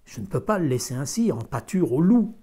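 A man voicing an anguished young farm wife in a storybook reading, pitched up and pleading. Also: big pitch swings, fairly quick, mellow, breathy edge, full character voice.

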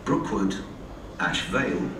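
A man making measured train announcements, heard over a station public address loudspeaker on a railway platform. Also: low voice, distant mic. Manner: measured, even announcing delivery. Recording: echoey loudspeaker heard from afar, noisy.

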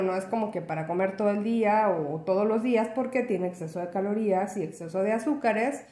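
A woman's voice: mid-range voice, warm tone, echoey room. A woman chatting casually in a product review vlog, friendly and full of fillers. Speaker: vlogger reviewing a cereal.

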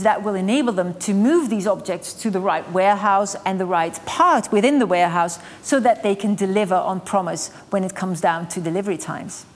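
A middle-aged woman delivering a conference keynote on a studio stage, explaining with energy and the odd "um". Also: medium pitch. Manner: energetic, gesturing, explanatory with light fillers. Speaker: keynote speaker. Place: stage in a dark studio with large screens.

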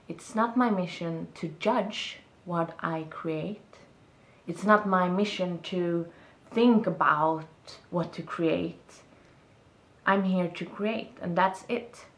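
A Swedish vlogger muses slowly in a low voice, speaking in a reflective, casual monologue to camera while seated on a bed in a small indoor room. She is thoughtful, searches for words, and gestures while talking, and the room is echoey.

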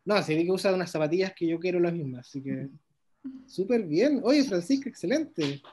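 A man leads an online illustration workshop and reviews his students' drawings one by one. He praises them eagerly and warmly, often stopping and restarting mid-sentence. His voice comes through a video-call microphone. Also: sits high, lively intonation, a little fast, slight background noise. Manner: warm, enthusiastic praise with many restarts.

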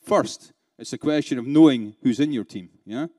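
Addressing a live conference crowd, a keynote speaker uses a mellow, medium-pitched voice at a moderate pace. His manner is playful, full of rhetorical questions and light asides, with laughter between points.

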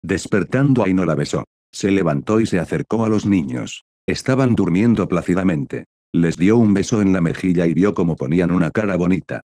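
A man narrating a fan fiction story in an even, matter-of-fact reading. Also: sits low, brisk, dry recording, clean studio sound.

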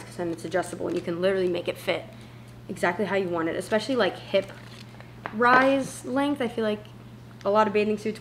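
A chatty young woman in her 20s with a medium-pitched voice vlogs a try-on haul, full of informal, slangy asides. She's indoors in an open-plan home kitchen and living area, picked up by a camera mic a few feet away, with roomy echo and noticeable background noise.

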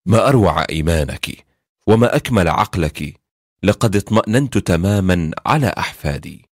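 Brief: gentle old father-in-law in a told story, read by a man, low and pleading. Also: animated, a little fast, no room sound, clean studio sound.

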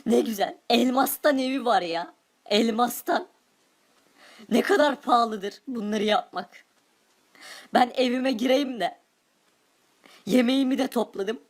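A poor, envious game-world villager, voiced by a woman, wistful over what she lacks and bitter toward the rich. The voice is high and light, and it curses sharply. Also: a little slow, pauses often. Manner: wistful, then bitter and cursing. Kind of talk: Minecraft role-play commentary.

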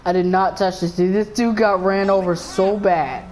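A woman giving casual gameplay commentary, excitable and rambling, often stumbling and repeating her words. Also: mid-range voice, normal speed, slight background noise, rough recording.

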